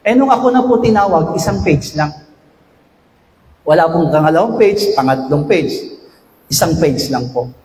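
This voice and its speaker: A man, a pastor giving a chatty, storytelling sermon that swings up to loud shouted exhortation. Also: a little high, expressive, normal speed, long pauses, a little hiss or hum. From Philippines. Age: 50s. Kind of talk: conversational sermon. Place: church sanctuary. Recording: echoey church hall, long reverb.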